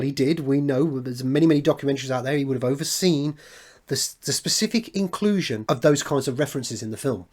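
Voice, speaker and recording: A middle-aged man hosting a video essay, thinking aloud in an unscripted monologue with frequent restarts and fillers. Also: mid-range voice.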